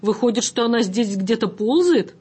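A woman's voice: a little high, animated, moderate pace, a little mellow, breathy edge. A woman reading the part of a fussy, grumbling middle-aged man in pince-nez in a story. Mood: irritated. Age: 40s. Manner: grumbling, sneering.

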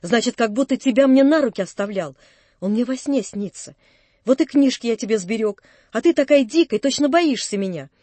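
A woman's voice: a little high, animated, a little fast, warm tone, no room sound. A woman reading the part of an earnest, kindly young man who pleads urgently with someone. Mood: gentle pleading.

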